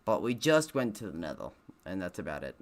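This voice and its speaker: Very animated and brisk, this deep-voiced man streams games while reading a visual novel aloud. He stumbles slightly and tosses in casual self-deprecating comments.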